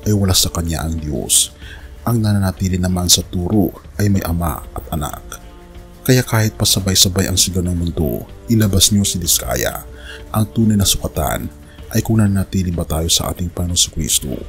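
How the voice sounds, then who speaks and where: A man giving scripted narration of news with preaching, earnestly addressing the listener as a friend. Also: sits low. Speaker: religious news commentary narrator.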